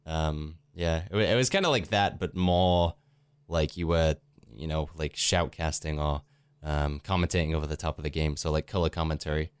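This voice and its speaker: A deep-voiced man who sounds sick, chatting casually as a podcast co-host. His voice comes across smooth and resonant, and the sound is dry and close. He rambles with plenty of ums and likes. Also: fairly even intonation, normal speed, dry recording. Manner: rambling, filler-heavy talk.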